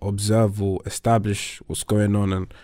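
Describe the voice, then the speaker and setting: A man's voice: lowish voice, flat delivery, a little slow, mellow, no echo. A young man speaks in a London roadman accent, recorded close and dry. He is slangy and opinionated, talking casually as a podcast host among friends. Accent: London, urban roadman slang. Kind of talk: casual group discussion.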